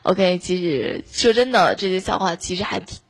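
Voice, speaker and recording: A woman hosting a live joke show, playful and teasing, with quick asides to her listeners. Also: fairly low pitch, expressive, no room sound, faint music behind. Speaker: host.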